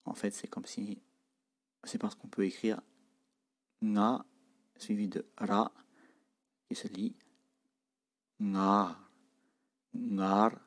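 A man's voice: fairly low pitch, vocal fry. A man teaching a spoken language lesson, saying words and tones one by one, repeating them, and patiently explaining how to pronounce them.

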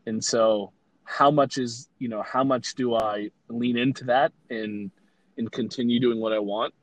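Man, mid-pitch, relaxed podcast guest; loose, filler-heavy talk, dry recording. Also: measured pace, no echo. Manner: easygoing, rambling, many fillers. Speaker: guest, brand consultant and content creator. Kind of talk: casual interview chat.

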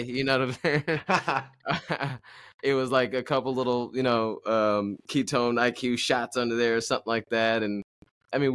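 Rambling man, low dry voice. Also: fairly bright tone, no room sound. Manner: rambling, many fillers and restarts. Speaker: podcast host. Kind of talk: casual chat.

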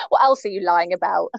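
A woman's voice: on the low side, creaky, no room sound. A woman co-hosting a podcast in casual chat, talking with emphatic, laughing energy. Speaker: podcast co-host. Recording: dull, dry sound.

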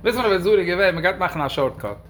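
Fast, high-voiced man teaching religion. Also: animated, a bit bright, a little hiss or hum. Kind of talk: religious question-and-answer talk.

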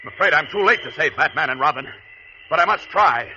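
A man's voice: a little high, expressive, fairly quick, very noisy, natural voice. An actor playing Superman, a heroic and commanding male superhero in a 1940s radio drama, on a lo-fi old radio recording. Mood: resolute. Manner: commanding, resolute.

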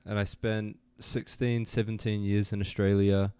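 A young man born in New Zealand, a student guest telling his story in a relaxed, easygoing way on an interview podcast. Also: lowish voice, unhurried, clean tone, dry recording. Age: young adult. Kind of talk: casual interview.

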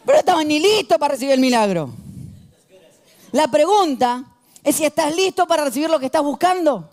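A man in his thirties with an Argentine accent, preaching a sermon in an animated, humorous way and acting out shouted quotes. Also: very high voice, a little fast. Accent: Argentine Spanish. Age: 30s.

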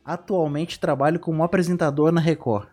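A man's voice: fairly high pitch, fairly even intonation, a little fast, warm tone, soft background music. A man hosting a casual podcast quiz game, reading clues aloud in a playful, teasing way. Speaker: quiz host.

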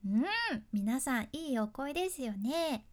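Female voice coach with a Fukuoka accent, fairly high and very animated, a chatty, casual lesson. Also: a little slow. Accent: Fukuoka dialect. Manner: chatty and expressive, switching between polite and dialect speech. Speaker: voice and speaking coach.

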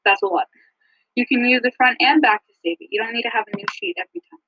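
A woman co-hosting a podcast in a casual, scripted chat with frequent ums, recorded over a low-quality phone line. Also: quick pace, breathy edge, no room sound. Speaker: podcast co-host. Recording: muffled dry phone-line audio.

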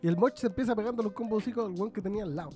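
A man's voice: high voice, very fast, mellow, soft background music. Chilean man, crude and laughing often. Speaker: podcast co-host. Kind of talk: casual chat.

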